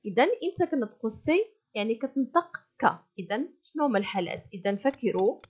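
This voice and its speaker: Woman, Moroccan Arabic accent, high-pitched, teacher, primary lesson. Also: big pitch swings, husky. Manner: slow careful French, quick Darija explanations. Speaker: French teacher.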